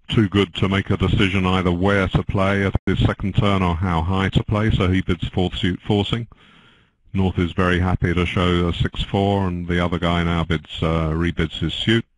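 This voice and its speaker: An older man commentating on a bridge match, dry and joking, halting with many fillers. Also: low voice, dry recording, rough recording.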